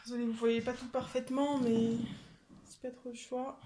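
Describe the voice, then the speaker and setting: A woman's voice: on the high side, level tone, normal speed, mellow. A woman vlogger casually showing her craft kit collection, chatty and peppering her talk with little "hop" and "voilà" interjections. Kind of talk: casual show-and-tell vlog. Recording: echoey room with clear background noise.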